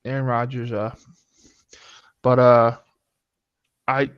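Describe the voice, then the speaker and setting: A man's voice: mid-range voice, little pitch movement, slow, clean tone, dry recording. A young man co-hosting a sports betting show who pushes back with sarcastic, combative jabs and interrupts often. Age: young adult. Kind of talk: casual sports debate. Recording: dull lo-fi mic.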